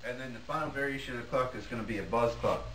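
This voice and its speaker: A man giving a casual, plain-spoken instructional demonstration as a goose calling instructor, with halting delivery. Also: medium pitch. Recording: roomy, distant mic, faint noise.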